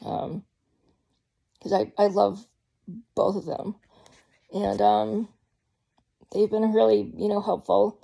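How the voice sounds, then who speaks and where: A woman's voice: mid-range voice, vocal fry, mellow, breathy edge. A woman talking candidly in a casual personal vlog, rambling with frequent ums. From Georgia, US. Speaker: vlogger.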